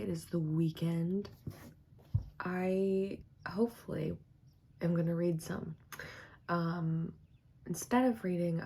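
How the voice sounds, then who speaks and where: A young woman vlogging casually about her day, with a husky voice, relaxed and slangy, sometimes dropping to a whisper. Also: low-pitched. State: husky from headaches. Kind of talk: casual vlog chat.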